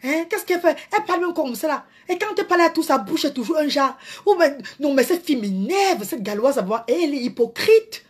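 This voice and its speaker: A woman doing a live rant to her followers, theatrical, slipping into mock crying and swinging from loud outbursts to hushed asides. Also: high voice, expressive, brisk, hardly any pauses. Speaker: social media personality.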